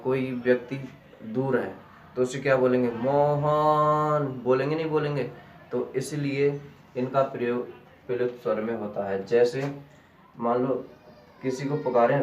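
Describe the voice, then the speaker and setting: A man teaching a grammar lesson at a slow, deliberate pace, asking a question and then answering it himself. His voice reaches the mic from a distance across an echoey room, with pitch sitting in the middle for a man. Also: darkish tone, slight background noise. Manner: repeats key terms as questions to students.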